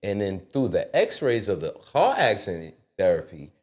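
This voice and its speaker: Animated, cursing man telling a story. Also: low voice, normal speed. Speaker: guest. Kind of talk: casual podcast chat. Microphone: studio mic.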